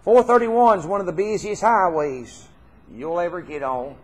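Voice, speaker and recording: Speaking at a moderate pace in a high voice, a middle-aged Southern American preacher delivers a folksy, earnest, informal sermon. He repeats phrases for emphasis while standing on an indoor church hall stage.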